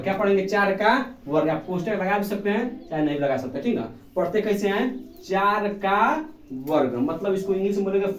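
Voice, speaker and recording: In an echoey classroom, a man whose voice is high yet somewhat dark gives children a simple math lesson, captured from a distance and off the mic. He asks questions and supplies the answers himself, patient and repetitive, fondly addressing the kids as "babu."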